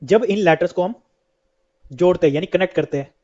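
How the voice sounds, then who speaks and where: A man's voice: high voice, fairly quick, warm tone. Lo-fi male teacher quizzing himself. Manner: asks questions and answers them himself. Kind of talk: spoken English lesson. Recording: dull lo-fi sound.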